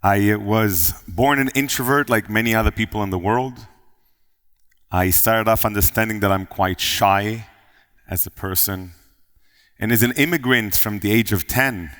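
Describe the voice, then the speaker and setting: A man's voice: medium pitch, fairly bright tone. A man giving a motivational keynote talk at a live event, earnest and emphatic, stacking lists of points. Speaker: keynote speaker. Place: event hall on stage. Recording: long hall reverb.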